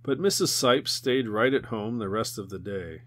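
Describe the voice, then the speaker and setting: A man narrating a children's novel in a steady, measured way. His voice sits on the low side, and the reading moves at an even, unhurried pace. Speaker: audiobook reader. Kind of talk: audiobook narration.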